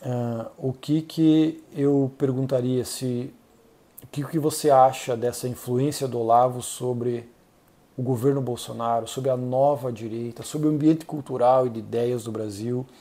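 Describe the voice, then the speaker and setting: A Brazilian man hosting a channel, giving earnest, measured solo commentary with frequent hesitations. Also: mid-range voice, fairly even intonation, warm tone. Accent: Brazilian Portuguese. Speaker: channel host reviewing an essay.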